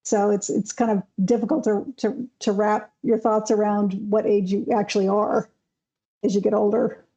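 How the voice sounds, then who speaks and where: A woman's voice: medium pitch, flat delivery, normal speed, dark tone, lo-fi sound. A woman in her thirties co-hosting a livestream, chatting in a wry, reflective way. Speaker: co-host of a livestream. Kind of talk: casual chat.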